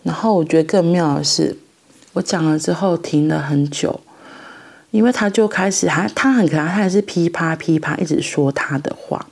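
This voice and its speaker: Middle-aged taiwanese mom musing on parenting, raspy gravelly voice, stops and starts a lot. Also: female voice, low voice, a little mellow. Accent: Taiwanese Mandarin. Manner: halting, thoughtful, pauses mid-phrase. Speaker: mother sharing parenting reflections. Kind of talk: reflective personal monologue.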